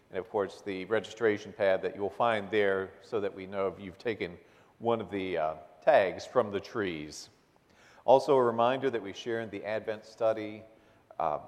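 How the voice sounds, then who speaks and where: Man with a cathedral echo. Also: lowish voice. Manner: measured, gracious liturgical delivery. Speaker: pastor. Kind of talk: formal worship welcome and announcements. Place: church sanctuary. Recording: long reverb in a large church.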